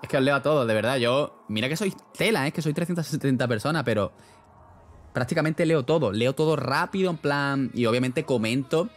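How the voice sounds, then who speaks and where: A man's voice: mid-range voice, lively intonation, a little fast. Rambling young streamer man. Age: young adult. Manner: rambling, slangy, laughs often. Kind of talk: casual chat reading live chat.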